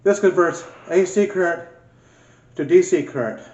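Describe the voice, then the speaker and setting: A man's voice: high voice, normal speed, darkish tone. Man narrating a museum tour on camera. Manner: plain, explanatory, pointing things out. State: a little out of breath. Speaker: vlog host touring a museum. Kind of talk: casual walking tour narration. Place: aviation museum indoors, old control tower. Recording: dull roomy camera audio, faint hum.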